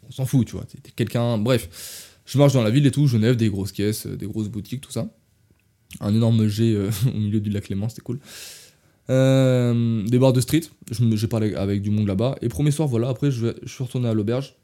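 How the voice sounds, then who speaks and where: A man's voice: medium pitch, a little fast, dark tone. A young man from France telling travel stories in a casual, rambling podcast, often correcting himself and talking straight to his listeners. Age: young adult. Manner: rambling, restarts and self-corrections, addresses listeners as "les gars".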